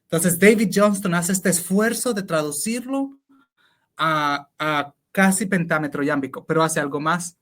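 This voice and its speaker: An interview guest with a Honduran Spanish accent and a voice somewhat higher than most men's explains things step by step, reflective and conversational like a teacher thinking aloud. He often restarts sentences and speaks a little slowly, with a slightly bright tone.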